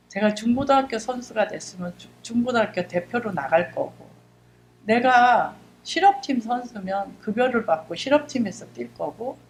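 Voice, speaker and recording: A woman's voice: medium pitch, a little mellow. A middle-aged deaconess gives a heartfelt testimony before her congregation. She tells her story with fervour and acts out her own prayers. Her voice rings through an echoey church hall over a faint hum. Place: church sanctuary.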